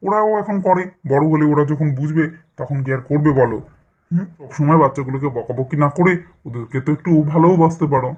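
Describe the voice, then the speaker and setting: A man voicing a soft-hearted, doting father in a doll cartoon who pleads and appeases. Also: fairly high pitch, brisk, slightly rough. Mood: pleading. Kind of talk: doll story voice acting. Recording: dull lo-fi recording.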